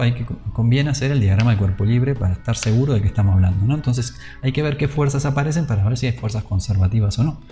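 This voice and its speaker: Mellow-voiced man lecturing on physics. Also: medium pitch. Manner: conversational, thinks aloud, checks in with "¿no?" and "¿sí?". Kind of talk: informal whiteboard lecture.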